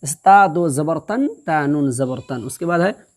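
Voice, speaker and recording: Speaking in a deep, darkish voice with lively intonation, a woman teaches someone to recite the Quran one step at a time. She's patient, slowly repeating syllables and asking "understood?" to check the learner understands.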